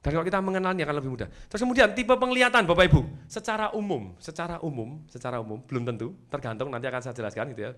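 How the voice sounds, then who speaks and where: A man with a high, bright voice gives a seminar talk to an audience. He is animated and acts out angry customers in loud outbursts. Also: rapid-fire, hardly any pauses. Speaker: motivational speaker.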